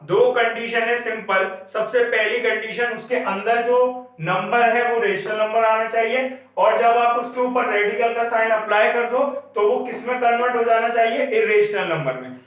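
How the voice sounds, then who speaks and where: A man's voice: extremely high pitch, normal speed, a bit bright. A male math teacher giving a classroom lecture, asking questions and answering them himself. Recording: echoey room, far from mic.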